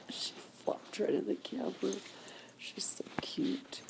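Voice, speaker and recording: Softly crying, an older vlogger talks to her camera in a slow, heavily emotional whisper during a personal video.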